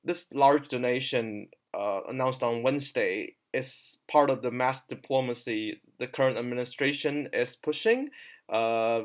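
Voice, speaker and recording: A man hosts a casual call-in podcast from home at a middling pitch. He stops and restarts often, filling gaps with "uh" as he reads out the news. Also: measured pace. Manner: hesitant, many "uh" fillers and restarts. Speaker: podcast host.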